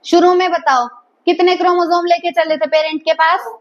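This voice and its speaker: A woman's voice: extremely high pitch, little pitch movement, moderate pace, dull audio. A woman teaching a biology class, asking her students questions and repeating their answers. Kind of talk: classroom lecture.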